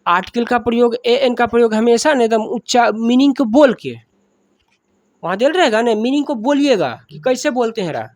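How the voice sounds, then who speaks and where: A woman's voice: a little high, darkish tone, no echo, clean studio sound. A woman with a Bihari accent teaching a grammar lesson, asking questions and answering them herself, repeating each point.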